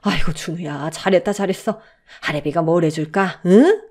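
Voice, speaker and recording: A woman's voice: lowish voice, moderate pace, a little mellow. A woman voicing a doting older grandfather who speaks fondly to his grandson. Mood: delighted.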